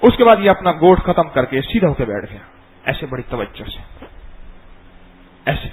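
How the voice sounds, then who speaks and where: A middle-aged man giving a dawn religious lesson, telling stories and acting them out in an animated way. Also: on the high side, a little hiss or hum, poor audio. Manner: animated, acts out scenes and voices. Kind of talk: storytelling sermon.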